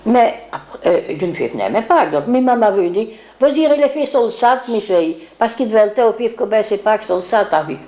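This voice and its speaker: A woman's voice: medium pitch, expressive, brisk, hardly any pauses, mellow, muffled recording. An older woman, reminiscing in a rambling way and acting out what others said. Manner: rambling, acts out quoted speech. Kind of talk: reminiscing oral history.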